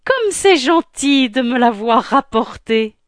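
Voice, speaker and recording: Shrill vain stepsister, voiced by a woman. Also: animated, no echo, studio quality. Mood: insistent. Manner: shrill, insistent, drawn-out. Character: squabbling vain young stepsister, loud and whiny.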